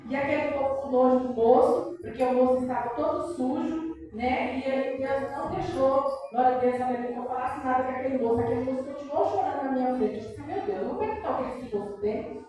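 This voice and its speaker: High-voiced Brazilian woman, echoey church hall. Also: quick pace, dark tone, far from the mic. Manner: emotional, peppered with praise interjections. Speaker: church member giving testimony. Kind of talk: fervent church testimony.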